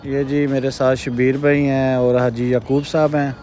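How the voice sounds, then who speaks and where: A man from Pakistan, casually narrating a road trip from inside a car in a relaxed, polite way. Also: mid-range voice, normal speed, soft background music. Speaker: travel vlogger. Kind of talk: casual travel vlog narration. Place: in a car on a highway.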